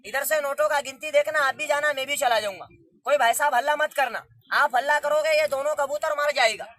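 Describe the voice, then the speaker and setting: Male street magician; high-pitched, piercing, bossy show patter to a crowd. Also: fairly quick. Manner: loud, commanding, coaxing the crowd.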